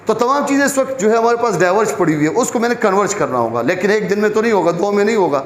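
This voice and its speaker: A man's voice: high voice, lively intonation, slight background noise. A male biology lecturer gives a classroom lecture, asking questions and answering them himself. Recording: echoey room with faint background ambience.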